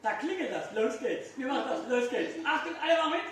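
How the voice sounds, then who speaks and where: Shot from a distant phone in the audience of a small, restaurant-like indoor space, this clip has echoey, far-off audio with faint noise. In it, an older man performing as a children's party magician playfully throws questions and exclamations at the kids as show patter. He sounds very high-pitched, expressive, brisk, and a bit bright.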